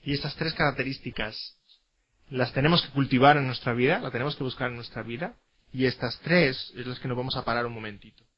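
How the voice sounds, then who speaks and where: Man, classroom lecture, emphatic, rhetorical questions, mid-pitched voice, dull lo-fi sound. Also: fairly quick. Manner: emphatic, repeats key words, asks rhetorical questions. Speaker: teacher.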